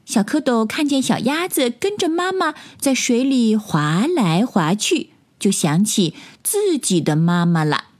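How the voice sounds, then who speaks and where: A young woman narrating a children's bedtime story slowly and gently. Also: on the high side, sing-song. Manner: slow, lilting, gentle.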